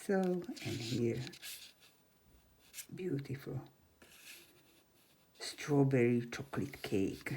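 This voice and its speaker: A crafting channel host in her seventies shows an album in a scrapbook tutorial, her voice extremely low for a woman, dark and mellow. She speaks slowly and animatedly in halting, non-native English with simple grammar, chatty and unhurried, over faint background noise.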